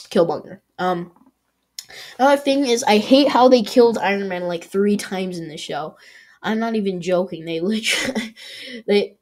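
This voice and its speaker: Rambling excitable woman vlogger. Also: medium pitch. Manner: rambling and excitable, lots of fillers and restarts. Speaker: channel host ranking shows. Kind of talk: casual rambling review.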